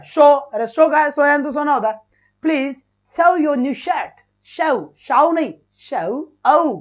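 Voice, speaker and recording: A male teacher running a live online exam-prep class, energetic, heaping loud praise on students and firing off rhyming slogans. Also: very high-pitched, dull audio.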